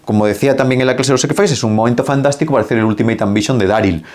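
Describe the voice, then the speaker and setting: A man from Spain explains how a magic routine is built, with a voice of ordinary middle pitch. He thinks aloud as he teaches and acts out the questions he asks himself. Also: very fast, darkish tone. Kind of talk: explanatory lesson.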